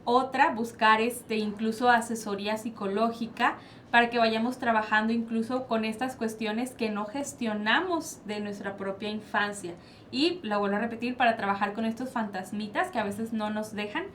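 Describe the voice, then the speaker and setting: A woman's voice: on the high side, steady tone, moderate pace, a bit bright. Explanatory Mexican woman psychologist. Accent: Mexican Spanish. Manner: explanatory, asks and answers her own questions. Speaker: child psychologist guest. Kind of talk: panel discussion. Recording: faint background noise.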